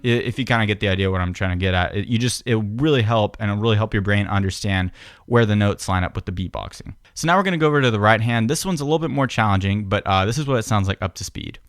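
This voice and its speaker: A man's voice: fairly low pitch, quick pace. A man giving a casual, patient step-by-step piano tutorial, often opening sentences with "so". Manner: relaxed, patient, starts many sentences with "so". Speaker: piano and beatbox teacher. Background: piano playing.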